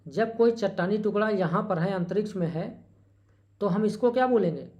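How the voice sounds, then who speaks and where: A teacher giving an exam-prep lecture who repeats key terms, asks rhetorical questions and corrects small slips with a quick apology. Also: mid-range voice, expressive, darkish tone, lo-fi sound.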